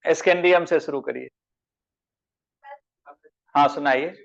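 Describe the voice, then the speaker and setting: Here a man teaches chemistry online, his fairly high voice slow and touched with vocal fry, the audio dull. He names individual students, calls them "beta," and puts questions to them.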